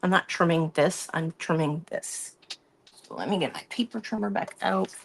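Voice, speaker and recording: A woman's voice: on the low side, normal speed, creaky, slight background noise. A woman hosting a craft live stream, chatting casually and rambling about her week while she works at her craft table. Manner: chatty, rambling, talks through her hands-on work.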